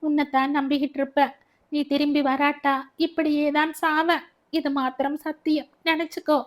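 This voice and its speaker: A woman's voice: level tone, normal speed, natural voice. A woman voicing a distraught young woman who wails and pleads for her lover. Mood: pleading. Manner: wailing, pleading, high and loud.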